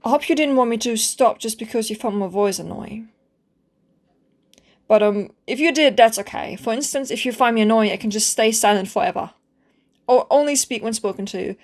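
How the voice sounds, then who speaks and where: Woman acting a high-voiced, pleading kitten girl. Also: normal speed, lightly acted. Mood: eager, self-abasing. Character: clingy, lovesick, self-abasing stray cat girl with yandere devotion. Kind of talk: scripted ASMR role-play addressed to the listener.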